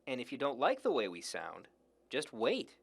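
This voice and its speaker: Lively male news voice-over. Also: mid-range voice, moderate pace, vocal fry, breathy edge. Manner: lively, polished narration. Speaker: news reporter.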